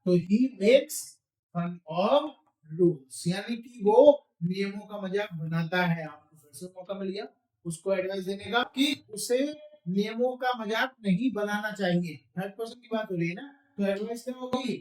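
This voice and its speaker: A man teaching spoken English, drilling phrases slowly and quizzing the viewer. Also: high-pitched, reverberant, low-quality recording.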